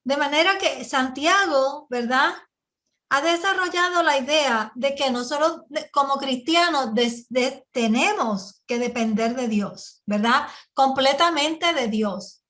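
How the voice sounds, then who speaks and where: Mujer predicadora de voz aguda y brillante. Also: female voice, sits high, slow, a bit bright. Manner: teaching with frequent rhetorical "¿verdad?" and restarts. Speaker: Bible teacher. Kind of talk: Bible study sermon.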